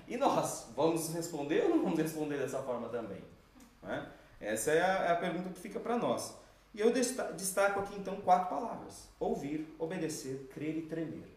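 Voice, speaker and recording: Animated man preaching in an echoey hall. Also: on the high side, recorded from a distance. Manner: animated storytelling, acts out quoted voices. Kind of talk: sermon.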